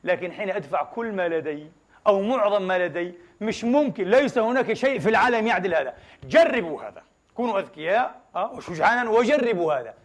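A man's voice: high-pitched, animated, fast. A man preaching a Friday sermon. He asks the congregation many rhetorical questions and mixes formal with colloquial dialect and foreign words.

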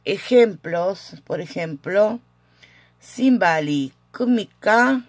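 A woman teaching a casual language lesson at home, patiently repeating each example with frequent "eh" pauses. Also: low-pitched, expressive, no room sound.

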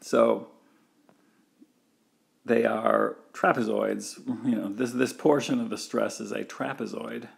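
A man's voice: on the low side, fairly even intonation, slow pace, gravelly, long pauses, slightly rough. A man giving a recorded engineering lecture, walking through a diagram step by step with frequent fillers and restarts.

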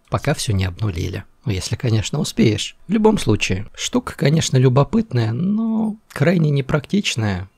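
Creaky-voiced man commenting on gameplay. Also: lowish voice, darkish tone, no room sound. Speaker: gaming video creator.

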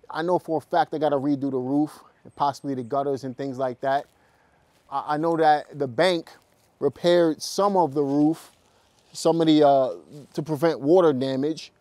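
A man who invests in real estate chats to camera in a walk-through vlog, stumbling through fillers and restarts, outside a house and then inside a car. His fairly high voice is a little mellow, his pace moderate. No room sound comes through.

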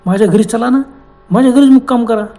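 A man's voice: very high-pitched, quick pace, gravelly, dark tone, faint music behind. A man voicing an older village passenger who keeps asking questions and coaxing the travellers to stay the night. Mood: curious. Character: older male village passenger, kindly and curious.

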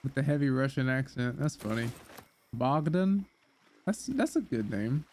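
A man's voice: medium pitch, lively intonation, unhurried, darkish tone, slight background noise. A man casually commenting as he plays a video game, chatty and reacting aloud. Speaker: gaming streamer. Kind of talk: casual let's-play commentary.

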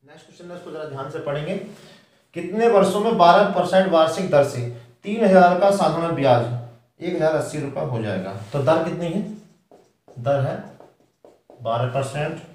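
A man's voice: on the high side, moderate pace, darkish tone. Hindi-accent guy doing math on the board, asks then answers himself, really echoey room, mic far off. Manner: works problems step by step, asking and answering himself. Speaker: math teacher. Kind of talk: whiteboard math lesson.

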